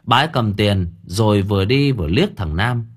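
Husky, lively male storyteller. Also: lowish voice, normal speed. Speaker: narrator. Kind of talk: audiobook story reading.

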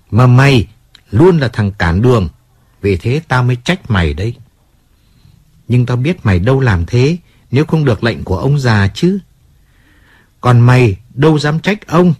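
A man playing a husky, volatile drunk singer. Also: medium pitch, a little mellow, no echo. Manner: bitter outbursts turning to pleading apology. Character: hard-drinking fading male singer in his thirties, volatile.

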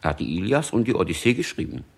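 A solemn royal retainer in a 1960s radio play, extolling the old king's deeds one by one. His voice is extremely deep and gravelly, with a husky edge. It rises and falls widely as he proclaims. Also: big pitch swings, fast, exaggerated voice. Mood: proclaiming. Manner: proclaiming, listing deeds reverently.

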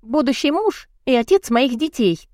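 A woman voicing an indignant young woman with quick, pointed retorts in an audiobook. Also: high-pitched, animated, darkish tone, dry recording, studio quality, pitched above the performer's own voice.

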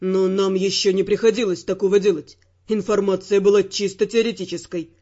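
A woman's voice: mid-range voice, level tone, brisk, warm tone, muffled recording, pitched below the performer's own voice, natural voice. A woman voicing a stern senior male spy who scolds harshly, in an audiobook reading. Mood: stern, angry.

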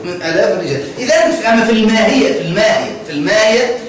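A man's voice: high voice, animated, very fast, recorded from a distance, a crowd in the background. A man with a Tunisian Arabic accent teaching a grammar lesson, quizzing students and repeating key words. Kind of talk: classroom lecture. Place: classroom. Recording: echoey classroom, voice from afar.

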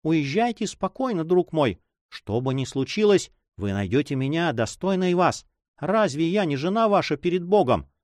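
A man's voice: fairly high pitch, very animated, moderate pace, darkish tone, no room sound, clean studio sound, pitched above the performer's own voice. A man reading aloud and voicing a young woman in love, anxious and devoted, in a pleading, fearful, tender manner.

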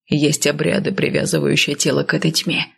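A woman's voice: low voice, flat delivery, fairly quick, creaky, breathy edge, pitched below the performer's own voice, heavily acted. A woman voicing a grim, stubborn man cursed and bound to death, curt and stern, in an audiobook. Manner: stern, curt, speaking through clenched teeth. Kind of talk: audiobook character voice.

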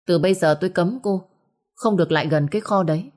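A woman's voice: fairly low pitch, fast, darkish tone, close to an everyday voice. A woman voicing a firm, curt young man who speaks sharply and protectively. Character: young man, protective stern second son.

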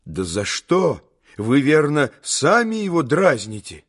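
A man's voice: fairly high pitch, wildly swooping pitch, slow pace, a bit bright, husky, exaggerated voice. A man reading the part of an earnest young man who reproaches a group of boys.

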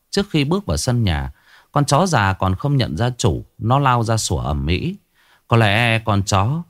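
A man narrating a ghost story as a storyteller, telling it in a dramatic, expressive way. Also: lowish voice.

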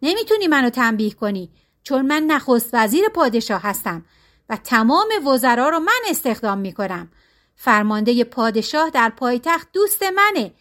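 A woman reading a storybook, voicing an arrogant rich male chief minister who shouts and mocks. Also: sits high. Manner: shouting, mocking, boastful.

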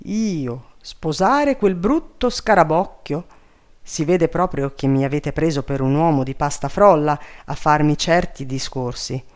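Reader doing a proud storybook king, defiant and indignant, unhurried. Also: mid-range voice, darkish tone, close to an everyday voice. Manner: defiant, indignant, later mocking. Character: proud stubborn young king.

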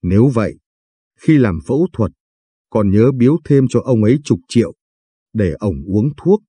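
A man voicing a worried elderly mother in an audio story, reading in a heavy, troubled tone with a dark, husky voice. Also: on the low side, sing-song, normal speed, no echo.

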